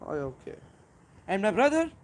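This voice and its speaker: Halting Pakistani-accented live streamer, emphatic in bursts. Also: medium pitch, very animated. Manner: halting, repetitive, with searching pauses and emphatic bursts. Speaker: live stream host replying to a viewer. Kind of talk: unscripted religious argument to viewers.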